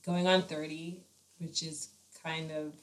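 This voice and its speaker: A woman's voice: sits low, level tone, slow, low-quality recording. A woman in her late twenties from New Jersey, co-hosting a podcast in easygoing casual chat, laughing often and trailing off with ums. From New Jersey, USA. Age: 20s. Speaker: podcast co-host.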